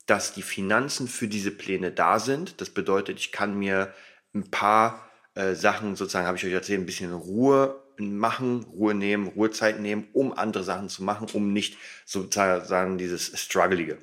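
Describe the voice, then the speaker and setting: A man's voice: on the low side, fairly even intonation, moderate pace, fairly bright tone. A man hosting a casual, rambling solo podcast, informal and emphatic, his articulation slightly impeded by a dental retainer. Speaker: podcast host.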